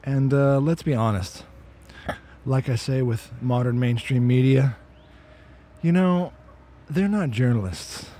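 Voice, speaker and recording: A podcast host with a mellow, medium-pitched voice speaks slowly on a casual outdoor walk-and-talk show. He's opinionated and chatty, often repeating words as he starts his thoughts over.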